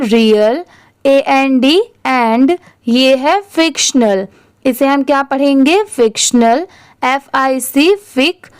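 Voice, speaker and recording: Woman teacher, dry close sound, slow patient lesson, letters spelled then blended. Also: sits high, clear, resonant tone, no echo. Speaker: English teacher.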